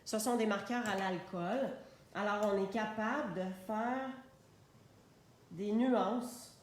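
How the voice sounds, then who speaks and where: A woman's voice: medium pitch, darkish tone. A woman with a Québécois French accent, chatting unhurriedly through a live stamping and coloring tutorial and describing each step as she works. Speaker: craft demonstrator. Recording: very echoey room, faint noise.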